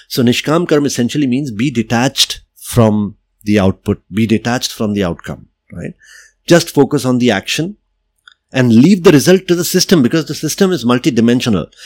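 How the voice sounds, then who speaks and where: A man's voice: mid-range voice, a little mellow, no echo, clean studio sound. A middle-aged man hosting a solo podcast, explaining ideas in a reflective, conversational way and often checking in with "right?" and "you know.". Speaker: podcast host.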